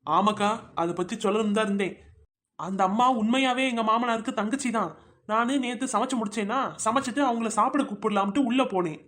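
A man's voice: high-pitched, brisk, fairly bright tone. A man voicing a chatty, gossipy young village housewife in a cartoon comedy. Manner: chatty storytelling, teasing friends with nicknames.

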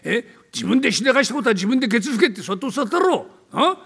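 A gravelly, high-pitched tough with a rough downtown Tokyo accent bullies and teases in a gruff, threatening manner, as an older man acts him out in comic storytelling. His voice rings out into a reverberant theater hall. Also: big pitch swings, very fast, fairly bright tone, full character voice. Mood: brash, teasing. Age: 70s. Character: brash bullying rough male Edo tenant. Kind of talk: rakugo storytelling.

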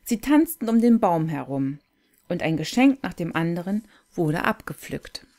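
Calm woman reading a fairy tale. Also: lowish voice. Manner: gentle, unhurried, contemplative.

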